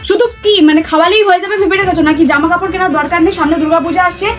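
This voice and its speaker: A woman in a comedy sketch scolds and complains in a very high, piercing voice. She talks at a breakneck pace. Music plays clearly behind her. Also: racing. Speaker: nagging wife in a comedy sketch. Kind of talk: comic sketch acting.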